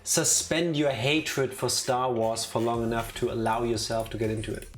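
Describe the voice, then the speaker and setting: With music playing behind them, a streamer makes casual pre-game conversation in a mid-range, steady voice at normal speed. The tone is opinionated and playfully teasing.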